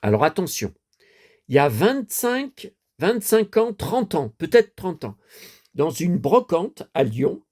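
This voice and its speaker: A man's voice: a little high, sing-song, takes it slowly, darkish tone. A man in his fifties, a collector chatting casually to camera, rambling and repeating himself with many fillers. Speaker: toy collector vlogger.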